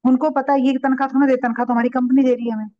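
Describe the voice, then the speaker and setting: A woman's voice: high voice, flat delivery, racing, lo-fi sound. A woman taking part in an online discussion, speaking earnestly and explaining her situation at length. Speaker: participant. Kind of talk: casual discussion. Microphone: online call.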